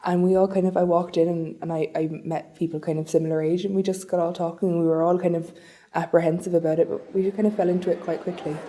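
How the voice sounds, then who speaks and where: Soft, dark-voiced young Irish woman. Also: on the low side, flat delivery, quick pace. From Ireland. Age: 20s. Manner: candid, hesitant. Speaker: student, assembly member. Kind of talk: personal interview account.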